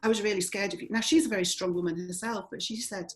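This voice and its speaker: A woman's voice: medium pitch, fairly even intonation, quick pace, poor audio. A woman in her forties, a property trainer and interview guest, speaking bluntly and openly, laughing often as she talks. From born in Germany, raised in army families. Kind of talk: candid interview conversation.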